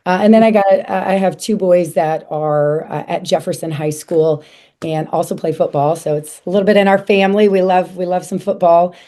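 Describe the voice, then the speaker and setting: A hoarse woman in her forties from South Dakota talks as a podcast guest, her voice lowish and dark. She chats easily, often restarting and filling pauses with little words. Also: fairly even intonation. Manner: chatty, many fillers and restarts. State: hoarse from a cold. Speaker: guest, association leader. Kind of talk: casual interview chat.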